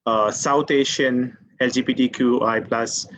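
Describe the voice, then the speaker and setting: A man's voice: medium pitch, steady tone, a little slow, a bit bright, poor audio. A man from India, a community outreach guest on a video call, speaking hesitantly with many uhs.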